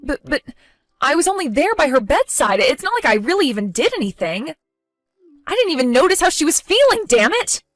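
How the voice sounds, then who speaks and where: A woman's voice: medium pitch, a little slow, no room sound, faint music behind, lightly acted. An actress playing a guilt-ridden mother who blames herself, with a self-reproaching, pleading delivery, in a dry close recording. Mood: disbelieving.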